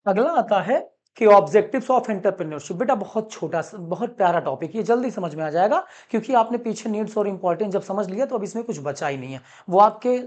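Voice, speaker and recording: A man teaching commerce in a classroom lecture, animated and coaxing, calling students son and checking that they have understood. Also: sits high, a little fast, hardly any pauses. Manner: calls students son, mixes English terms into Hindi.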